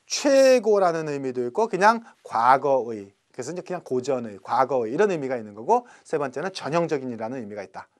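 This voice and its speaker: A middle-aged man gives an English vocabulary lecture with a lively, swinging pitch. He is chatty and playful, and he stretches each English word out slowly. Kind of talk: recorded classroom lecture.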